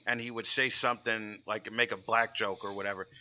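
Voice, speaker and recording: A man's voice: fairly low pitch, flat delivery, brisk, bright, forceful tone, rough recording. A man talking bluntly and profanely in a casual podcast chat. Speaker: podcast guest.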